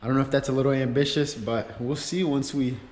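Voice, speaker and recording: A man chats casually to his viewers like a car vlogger showing them around. He rambles with excitement and uses plenty of slang. His voice echoes strongly off the walls of a big indoor workshop, with a long reverberant tail. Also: medium pitch, fast talker. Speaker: YouTube car-channel host. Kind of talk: casual vlog walkthrough.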